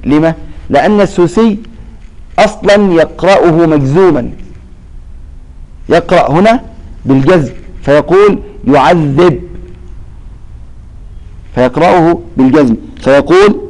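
Sheikh teaching Quran recitation. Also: male voice, fairly high pitch, moderate pace, pauses often, darkish tone, rough recording. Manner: questions and answers his own questions; addresses students by name. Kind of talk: explaining lesson with recited verses.

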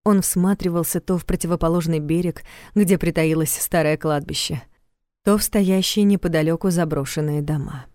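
A woman reading a mystery thriller audiobook in a calm, measured storytelling manner, close to the mic. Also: low voice, dry recording. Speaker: audiobook narrator. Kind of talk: scripted audiobook narration.

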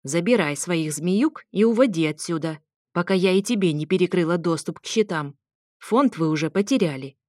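A woman's voice: on the low side, animated, normal speed, no room sound, clean studio sound. A woman doing a brash, bossy grandmother. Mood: scolding. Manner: loud, scolding, mocking. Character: grandmother, bold, brash and commanding.

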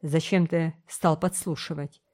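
A woman's voice: steady tone, measured pace, a little mellow. Woman doing a hissing, menacing young gold digger. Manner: low, hissing threats.

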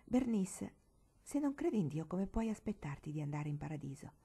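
A woman voicing an earnest, pious little girl who pleads softly, in a storybook reading. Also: sits low, very animated, moderate pace, vocal fry, husky, exaggerated voice.

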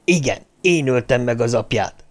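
A man's voice: mid-range voice, expressive, lightly acted. A male audiobook reader voicing a cold, scheming ruler who threatens a young man at gunpoint. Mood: cold menacing. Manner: icy, clipped, menacing.

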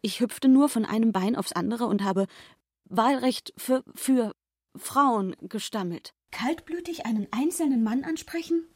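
Brief: fretful young suffragette in her twenties in a radio play, slightly husky, highish voice. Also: lively intonation, measured pace. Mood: earnest. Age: 20s. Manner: earnest, fretful. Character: nervous young suffragette, earnest.

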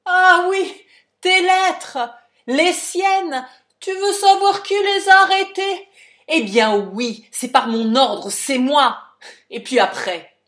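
A woman reading an audiobook, voicing a wrathful, blustering old financier father who shouts and sputters. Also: extremely high pitch, lively intonation, slow, echoey room, pitched above the performer's own voice, exaggerated voice. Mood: enraged. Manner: bellowing, sputtering with rage.

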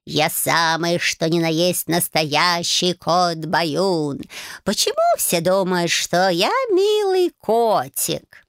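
A woman voicing an ancient, proud male magic cat who speaks slowly and haughtily and slips meows in between his words. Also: on the low side, lively intonation, dry recording, studio quality. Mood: indignant. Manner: slow, drawn-out, haughty, with meows. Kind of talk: audiobook character voice.

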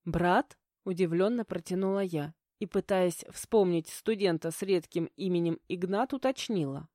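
Woman narrating with a mellow tone. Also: on the low side, moderate pace, no echo, clean studio sound. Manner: expressive storytelling, lively quoted dialogue. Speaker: audiobook narrator. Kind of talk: first-person scripted narration.

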